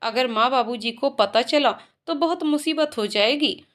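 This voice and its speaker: A woman's voice: sits high, measured pace, a bit bright. A woman voicing a mischievous, anxious young village girl in a storybook reading. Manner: pleading, flustered.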